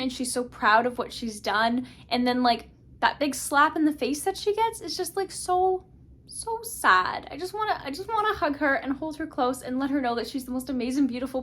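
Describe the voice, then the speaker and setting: A young woman giving an excited, gushing book review vlog, full of fillers and laughter. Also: a little high.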